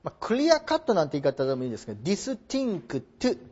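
A man's voice: high-pitched, wildly swooping pitch, fairly quick, darkish tone, muffled recording, a little hiss or hum. A man teaching English translation in a lecture, mixing formal polite phrasing with playful joking asides.

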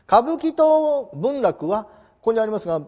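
A man's voice: very high-pitched, very animated, moderate pace, darkish tone. A man giving a polite, explanatory classroom lecture, posing rhetorical questions to his listeners, on a dull lo-fi recording. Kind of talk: classroom lecture on traditional theatre.

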